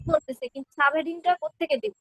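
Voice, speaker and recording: Quick high-voiced woman student. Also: fairly even intonation, no room sound. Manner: quick, asks puzzled questions.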